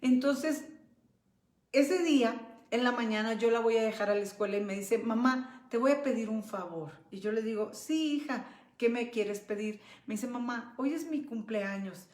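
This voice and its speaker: Middle-aged woman host, fairly high voice, acts out quotes vividly, roomy echo. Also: moderate pace. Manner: animated, acts out quoted voices of herself and her daughter. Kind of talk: personal storytelling talk.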